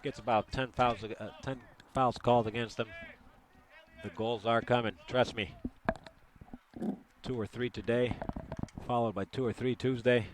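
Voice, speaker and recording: A man's voice: medium pitch, steady tone, a little slow, pauses often, background noise. Chatty partisan male sports commentator. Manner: chatty, partisan, jokes with listeners. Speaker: play-by-play commentator.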